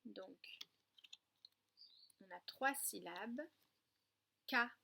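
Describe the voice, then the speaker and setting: A woman teaching a lesson to young children from a distance, patient and clear, stressing syllables and spelling words out letter by letter. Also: mid-range voice, unhurried, fairly bright tone, a little hiss or hum. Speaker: kindergarten teacher. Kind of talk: remote classroom lesson.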